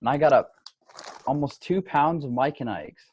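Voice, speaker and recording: A man's voice: on the high side, animated, normal speed, a little mellow, slight background noise. A man with a Minnesotan accent telling stories in a laid-back, slangy way on a casual podcast.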